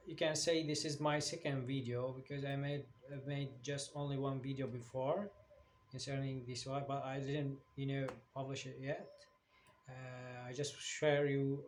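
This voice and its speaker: A man in his thirties from Syria speaks English as a second language, taking his time and often pausing on fillers as he restarts his sentences. His voice sits at an ordinary middle pitch. A faint background noise runs under the recording. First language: Arabic. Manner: hesitant, many fillers and restarts. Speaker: English teacher. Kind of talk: channel introduction monologue.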